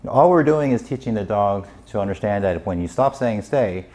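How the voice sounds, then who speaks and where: A man's voice: fairly low pitch, expressive, normal speed, mellow. A man working as a dog trainer, patiently explaining training steps to a dog's owner. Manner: patient, instructive.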